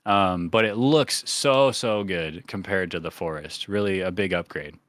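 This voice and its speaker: A man's voice: sits low, measured pace, a bit bright, no room sound, studio quality. A man co-hosting a podcast, chatting casually in slangy, teasing talk. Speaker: podcast co-host. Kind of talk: casual banter chat.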